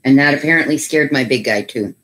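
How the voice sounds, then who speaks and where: Low-pitched lady chatting on her craft stream, friendly and rambling, coos at her dogs. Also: fairly quick, fairly bright tone. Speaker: craft channel host. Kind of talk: casual livestream chat.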